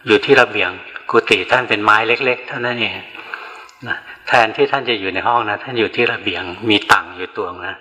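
Older monk in a reverberant hall. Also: male voice, on the low side, brisk, bright, forceful tone. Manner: plain storytelling, frequent "na" tag. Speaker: Buddhist monk teacher. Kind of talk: dharma talk with questions from the audience.

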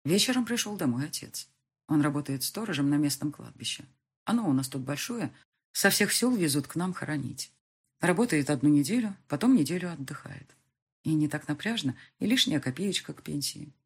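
A woman's voice: low-pitched, animated, a little fast, breathy edge. A woman narrating a first-person audiobook in an intimate, reflective way.

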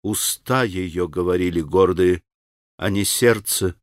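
A man reading an audiobook, voicing a venomous, proud young woman with a low, slow, poisonous delivery. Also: no room sound, studio quality. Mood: bitter.

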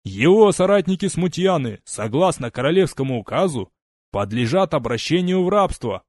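A man's voice: mid-range voice, expressive, normal speed, a little mellow, no echo, studio quality, natural voice. A man voicing a stern, imperious army legate in an audiobook reading. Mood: proclaiming. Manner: imperious, commanding.

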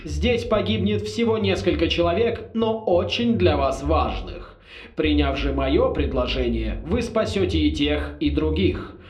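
A man's voice: fairly high pitch, reverberant. A man voicing a suave villainous old sorcerer. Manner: slow, loud, menacingly polite. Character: suave scheming old male ex-rector sorcerer. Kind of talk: audiobook character voice.

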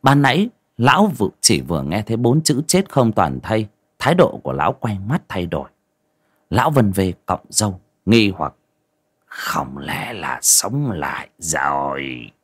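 A man narrating a folk story with a dramatic, varied delivery. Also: on the low side.

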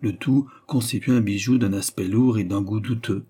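A man narrating a classic novel as an audiobook in a measured, even manner. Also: fairly low pitch, slightly rough. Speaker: audiobook reader.

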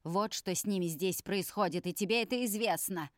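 A woman's voice: medium pitch, a little fast, dry recording, studio quality, close to an everyday voice. A woman voicing a stern, domineering male vampire elder who lectures and commands in a cold tone, in an audiobook.

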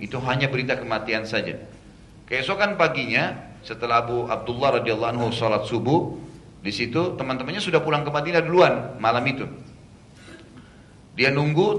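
A male preacher with a bright, forceful voice tells a religious story as a lecture. He acts out the characters' lines and slips in casual conversational asides. The sound is roomy and echoey, with a faint rumble underneath. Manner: animated retelling, acting out the characters' lines. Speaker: Islamic preacher.

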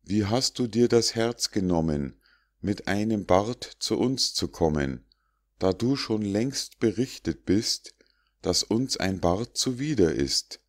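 A man's voice: on the low side, lively intonation, slow. A man voicing a furious male tyrant from a rhymed fable who scolds and rants. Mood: ranting. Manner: ranting, scolding.

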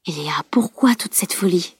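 A woman voicing a gentle, compassionate man who murmurs softly in an audiobook reading. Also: fairly low pitch, expressive, moderate pace, slightly rough, no echo. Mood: sorrowful. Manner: soft, murmured. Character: gentle compassionate man, soft-spoken leader.

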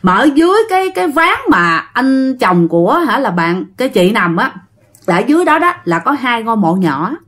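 A woman with a Southern Vietnamese accent tells a ghost story as if chatting with friends. She talks to her listeners often. Her voice is fairly high and moves widely between high and low for effect. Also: very animated, moderate pace. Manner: dramatic swings in pitch and loudness. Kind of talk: casual spoken storytelling.

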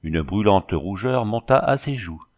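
A man reads a classic novel aloud with a measured, even storytelling manner. His voice sits on the low side. The reading is calm and unhurried. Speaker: audiobook narrator. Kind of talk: scripted narration.

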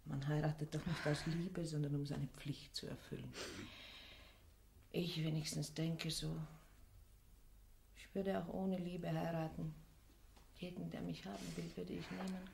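A steady eldest sister who soothes and advises, her voice lower and slightly gravelly. It is earnest 1960s radio play acting. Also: a little slow, long pauses, a little hiss or hum. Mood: consoling.

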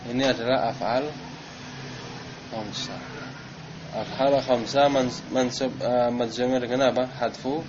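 A man teaching Arabic grammar to a class, quizzing students by name and stressing drill words. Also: mid-range voice. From Indonesia. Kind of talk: classroom lesson. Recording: dull noisy classroom recording.

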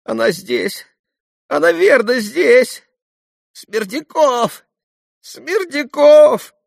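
A shrieking frantic old landowner. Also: male voice, lively intonation, very slow, gravelly, no echo, clean studio sound, exaggerated voice. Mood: wheezing. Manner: shrill, squealing, breathless cries.

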